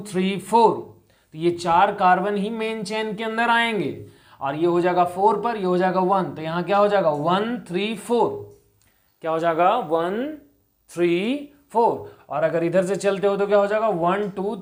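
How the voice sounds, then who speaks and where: High-voiced teacher quizzing students. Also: male voice. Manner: repeats questions to students, counts aloud. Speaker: chemistry teacher. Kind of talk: explaining on a whiteboard.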